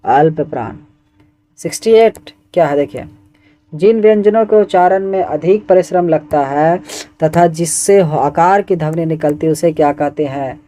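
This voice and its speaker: A man's voice: fairly high pitch, normal speed, mellow. A man teaching Hindi grammar who reads each exam question and its options aloud, then asks for the answer and repeats it. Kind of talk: exam question walkthrough lesson.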